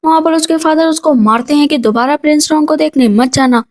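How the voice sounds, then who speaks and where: Woman, high voice, drama plot recap narration, reads characters' lines lightly in her own voice. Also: a little fast, a little mellow. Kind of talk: fast retelling of a drama plot.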